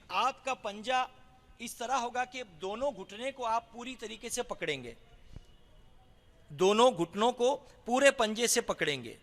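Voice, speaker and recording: Guy teaching prayer steps slowly, asks the class questions, high bright voice. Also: in a large hall. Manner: patient, explains step by step with rhetorical questions. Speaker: religious teacher. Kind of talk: instructional explanation.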